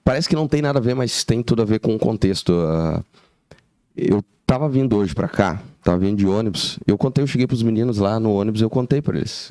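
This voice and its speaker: Man, low and gravelly, halting casual storyteller on a podcast. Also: a little mellow, no echo. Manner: halting, many restarts and fillers.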